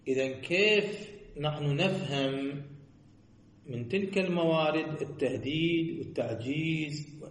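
A man teaching a seminary lecture, his voice sitting a little high. He stretches key words into a sing-song lilt and keeps asking rhetorical questions he then answers. The room around him rings with echo. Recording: echoey room.

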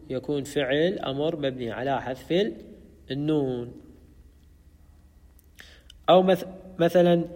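A man lectures on grammar in a steady, methodical way, repeating terms and stopping to correct himself. His voice sits a little high for a man. The recording carries a long, lingering reverb. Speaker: Arabic grammar teacher. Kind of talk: explanatory lecture.

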